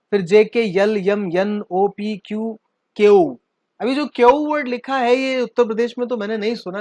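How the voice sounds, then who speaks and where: A man's voice: sits high, no room sound. A man from northern India, teaching spoken English at a board in a playful way, often checking in with his students. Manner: playful, addresses students directly, checks understanding with questions.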